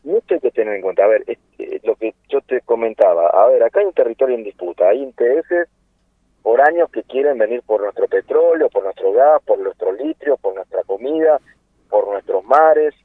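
An Argentine man around 60, a political activist, is the guest in an impassioned phone interview heard over a tinny, dry line. His slightly rough, mid-range voice has lively intonation at a normal speed, and he talks earnestly, full of fillers and rhetorical questions.

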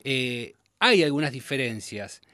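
A man's voice: medium pitch, lively intonation, unhurried, pushed and bright. A man, interviewing in a casual way and asking curious follow-up questions.

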